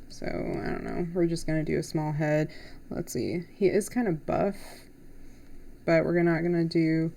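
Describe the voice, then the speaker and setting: Young female artist, low-ish gravelly voice, easygoing rambling chat while drawing on stream. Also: a little mellow. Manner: rambling, chatty, talks to herself as she works.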